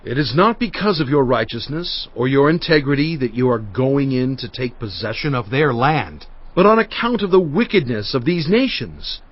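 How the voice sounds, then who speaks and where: A man's voice: medium pitch, sing-song, normal speed, hardly any pauses. An actor playing Moses, a solemn male prophet exhorting his people in emphatic oratory, in a dramatized scripture reading. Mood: stern, reproving. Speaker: dramatized audiobook reader. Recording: dull audio with faint music bed. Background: faint background music.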